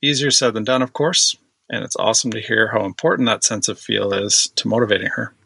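A man reading a scripted introduction for a podcast, enthusiastic and warm in praise. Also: lowish voice, steady tone, brisk, gravelly, slightly rough, no echo. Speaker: podcast announcer.

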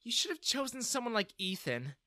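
A man's voice: very high voice, very animated, brisk, pushed and bright, no echo, studio quality, pitched above the performer's own voice, heavily acted. A man voicing a blunt, scornful teenage daughter who speaks bluntly and dismissively. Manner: blunt, eye-rolling.

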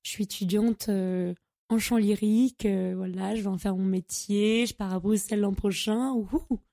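A woman in her twenties chatting casually as a podcast guest, her voice hoarse from a tonsil infection. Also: medium pitch, fairly even intonation, moderate pace, mellow. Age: 20s. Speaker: student opera singer. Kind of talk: casual chat.

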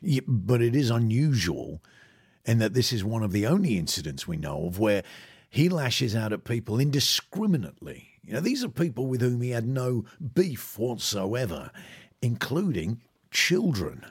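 An actor playing an earnest documentary presenter in a mockumentary, who asks probing questions. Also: male voice, medium pitch, sing-song, moderate pace, breathy edge. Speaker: host. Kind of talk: mockumentary narration and interviewing.

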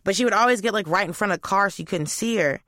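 Casual chat guest, woman, bright voice, dry close sound, lively storyteller. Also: rapid-fire, dry recording. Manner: animated storyteller, high squeaky voices for quotes.

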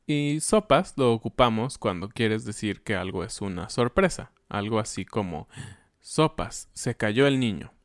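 A man with a Mexican accent explains everyday slang in a relaxed lesson. His voice sits in an ordinary middle range and is recorded dry, with no room sound. He often agrees with a short "ujú" before he explains. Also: mid-range voice, no room sound. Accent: Mexican Spanish. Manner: affirming with frequent "ujú", explanatory. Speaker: Spanish teacher.

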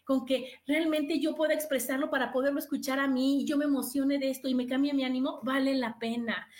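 Expressive high-voiced Mexican woman. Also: a little fast, roomy sound. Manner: expressive, acts out inner voices, many restarts. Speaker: podcast host. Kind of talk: casual live podcast chat.

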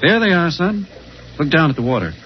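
Calm, grave father in old radio play. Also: on the high side, a little fast. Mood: grave, tender. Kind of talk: 1950s radio drama acting. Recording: dull, lightly noisy old broadcast disc.

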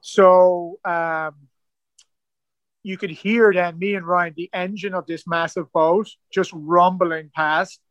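Irish man with a high voice and a dry close sound, a guest telling a story in a loose, rambling way. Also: steady tone, slow, a bit bright, dry recording, dull audio. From Ireland. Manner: rambling, full of "like" and "kinda" fillers. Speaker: guest, ocean rower. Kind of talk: casual storytelling interview.

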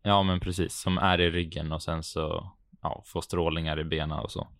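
A man speaks Swedish with a Stockholm accent in a low register. He chats casually as a podcast co-host, and the sound is dry, with very little room on it. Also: flat delivery, no room sound. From Avesta, Dalarna, Sweden. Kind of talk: casual chat.

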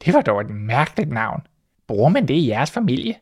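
A man reading a fairy tale aloud, voicing a timid, trusting little female mouse in a high, startled squeak. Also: very animated. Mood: astonished.

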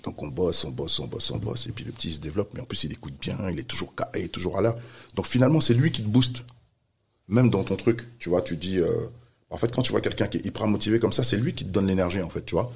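A man telling a story in casual chat, animated, acting out the voices of the people he quotes. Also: deep voice, quick pace, vocal fry, slightly rough. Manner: animated, acts out quoted voices, many restarts. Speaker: music manager telling a story.

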